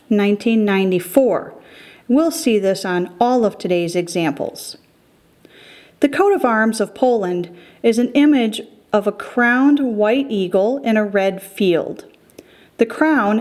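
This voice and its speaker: A woman's voice: on the high side, darkish tone. A middle-aged woman hosting a currency collecting show, giving careful scripted educational narration.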